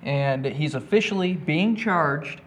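A man's voice: fairly high pitch, expressive, takes it slowly, a little hiss or hum. A man hosting a casual gaming podcast, recapping news in an upbeat, laid-back way. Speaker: podcast host. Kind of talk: casual chat.

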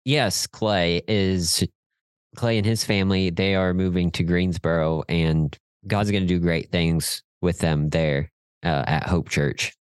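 A middle-aged man chats casually as a podcast co-host. He sounds encouraging and chuckles easily. His voice is very deep, and the recording is dry and close. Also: fairly even intonation, a little slow, clean tone, no echo. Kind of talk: casual chat.

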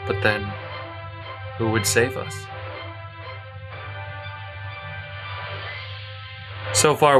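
A man's voice: medium pitch, close to an everyday voice. An actor playing an embattled, despairing male starship commander in a sci-fi audio drama. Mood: weary despair.

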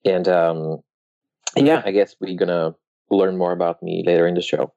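A man guest on a podcast, talking casually and hesitantly with many pauses. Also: sits low, fairly even intonation, vocal fry, warm tone, no room sound, highs cut off. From Europe. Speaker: guest author.

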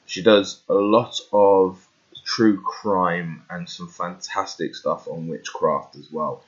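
A man with a British accent giving a casual, unscripted podcast introduction, halting and repeating phrases as he goes. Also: deep voice, fairly even intonation. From United Kingdom. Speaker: podcast host. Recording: slightly dull, lo-fi microphone.

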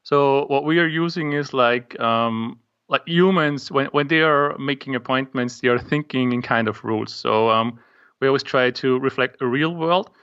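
A young man, native in German and Austrian-accented, hesitantly talks through his app during a casual interview, calling remotely from his home office and using many ums. His medium-pitched voice is a bit bright, clear and resonant, at a moderate pace. The audio is dull.

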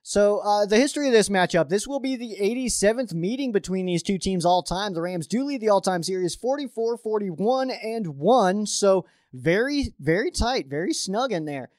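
A man's voice: high voice, animated, moderate pace, few pauses, a little mellow, dry recording, studio quality. A man hosting a sports podcast, giving a casual game preview as an open fan, with lots of fillers and restarts. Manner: openly rooting for the team.

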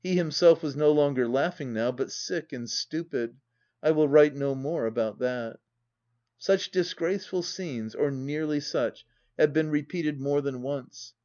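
A man narrating a classic novel as an audiobook reader, in a measured, dramatic reading. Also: on the high side, a little mellow, dull audio. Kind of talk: scripted narration.

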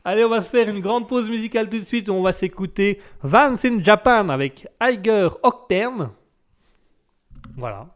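Young man, radio host, high-ish voice, teasing and self-deprecating. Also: expressive, normal speed. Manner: playful, self-mocking banter. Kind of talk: joking live radio chat.

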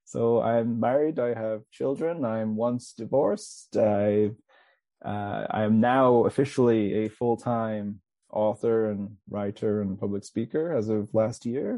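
Low and a little slow, this man's voice has a dark tone and no echo. A guest author on a casual podcast interview, he's in his forties, English-born but mostly Canadian in accent, with faint hints of Manchester. His talk is chatty and meandering, full of restarts and laughter.

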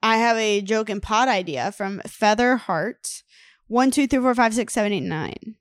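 A woman's voice: a little high, normal speed, no room sound, clean studio sound. A woman co-hosting a podcast in casual chat, reading listener reviews aloud. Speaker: podcast co-host.

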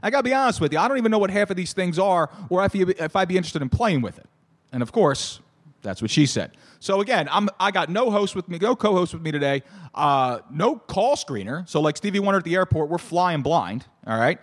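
A man in his thirties with a hoarse, shot voice, hosting a casual show solo in a halting, jokey, self-correcting way. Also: high-pitched, expressive. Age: 30s. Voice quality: hoarse, worn-out voice. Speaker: solo host of a fantasy football show.

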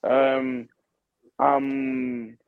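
A man's voice: mid-range voice, little pitch movement, extremely slow, smooth, narrow, tinny audio. A man with a London accent in casual football banter as a fan guest, slangy and laddish, protesting with fam and bruv.

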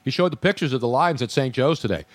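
A man's voice: mid-range voice, animated, fast talker, no echo. A man hosting a talk show in casual, bantering chat.

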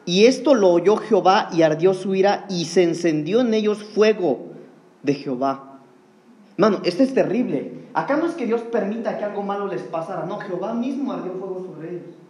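A man's voice: high voice, expressive, moderate pace, a little mellow. Earnest preacher man. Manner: earnest, addresses congregation as brothers. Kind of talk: sermon.

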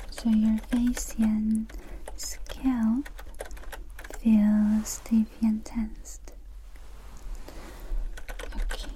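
A woman whispering gently through an ASMR roleplay as a clinician greeting and questioning a client. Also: on the high side, slight background noise, low-quality recording. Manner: soft unvoiced whisper, gentle and slow. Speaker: ASMR creator playing a clinician. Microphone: close sensitive mic.

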